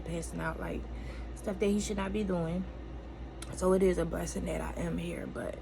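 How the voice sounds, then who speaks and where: An American woman chatting in a rambling, casual and confessional way, candid and blunt, with emphatic, profane phrasing and a gravelly voice. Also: on the low side. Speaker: vlogger. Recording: clearly noisy room ambience.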